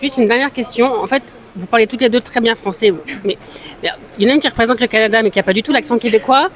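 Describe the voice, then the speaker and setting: A woman interviewer asking quick, friendly questions. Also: on the high side. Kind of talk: sports interview. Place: outdoors at a stadium. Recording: crowd noise outdoors.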